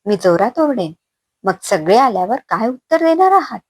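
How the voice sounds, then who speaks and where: A woman voicing a frightened young wife who pleads and pushes back, with a husky, raised voice. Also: on the high side, very animated, normal speed, darkish tone, pitched above the performer's own voice.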